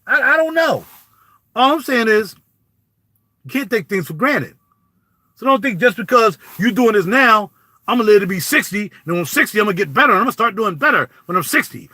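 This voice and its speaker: A man talks to camera in a casual vlog, preaching in animated street talk with big swings of pitch. His voice sits high and sounds bright and forceful. The recording is dry and close to the mic. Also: no room sound. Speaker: YouTube vlogger. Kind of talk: casual spoken commentary.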